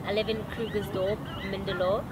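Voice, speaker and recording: A South African woman in her twenties, an attorney, speaking softly and a little hesitantly. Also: medium pitch, flat delivery, brisk, very noisy. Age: 20s. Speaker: attorney sharing her story. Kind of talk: personal testimony to camera.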